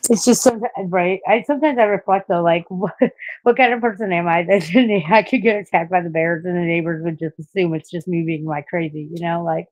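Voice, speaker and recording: A woman with a lowish voice talks loosely on a live stream, rambling from one story to the next. She laughs often and swears freely. The sound is dry and close, with no room around it. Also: fairly even intonation, brisk, a little mellow, no room sound, rough recording. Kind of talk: casual live-stream chat.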